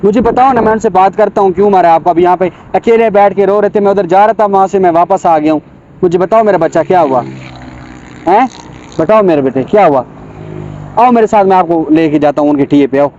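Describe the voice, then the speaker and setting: A man talks gently and coaxingly outdoors, repeating his questions. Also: high-pitched, brisk, muffled recording, slight background noise. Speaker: passerby filming. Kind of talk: casual street talk.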